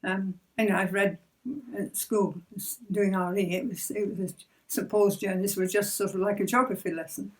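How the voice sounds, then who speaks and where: An older woman recounts her faith story in a gentle, halting way, circling back over her words with small soft laughs. Her voice sits at an ordinary middle pitch. The mic catches her from a little distance. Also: level tone. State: emotional near the end. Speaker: church member sharing testimony. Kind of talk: personal faith testimony.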